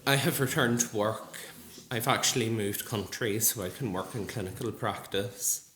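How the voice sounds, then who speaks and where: A man in his early thirties, a nurse, giving a personal testimony at an event in an earnest, measured way with frequent ums. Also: on the low side, a crowd in the background. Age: 30s. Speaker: nurse speaking at a support group event. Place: large gallery hall. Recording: echoey hall with faint ambience.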